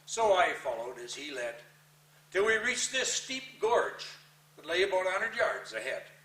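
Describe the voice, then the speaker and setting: A man with a folksy cowboy twang reciting rhyming verse as a theatrical storyteller, with drawn-out emphasis and dramatic pauses. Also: high-pitched, sing-song, bright, forceful tone. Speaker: cowboy poet reciting a narrative poem. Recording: roomy echo, distant microphone.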